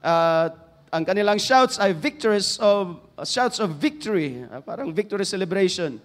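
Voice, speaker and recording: A man with a Filipino accent preaching a sermon, switching between Filipino and English, swinging from loud emphatic phrases down to hushed, low passages. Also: expressive, normal speed. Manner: mixes English into Filipino, rising to loud emphasis then dropping to hushed tones.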